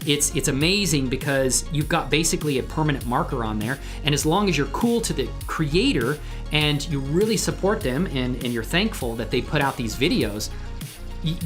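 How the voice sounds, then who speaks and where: A male livestream host who dabbles in 3D animation talks in a rambling, excited, easygoing manner. His voice sits in the middle range with a fairly bright quality, backed by music playing quietly.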